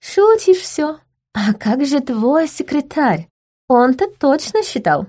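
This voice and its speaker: A woman voicing a spoiled, possessive young duchess who chirps and turns shrill and indignant. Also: big pitch swings, takes it slowly, warm tone, full character voice. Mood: chirpy.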